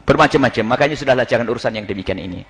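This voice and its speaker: A man preaching a sermon with an animated, mocking manner, often mimicking others in quick asides. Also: mid-range voice, big-room sound.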